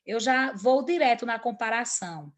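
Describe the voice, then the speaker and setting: A woman's voice: fairly high pitch, lively intonation, normal speed. A woman teacher giving an online grammar lesson, with many fillers and restarts and a habit of checking in with her students.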